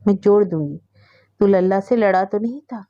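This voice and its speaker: A woman voicing a gentle, patient young mother who coaxes and soothes, in a storybook reading. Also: medium pitch, normal speed, muffled recording, natural voice. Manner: soothing, coaxing.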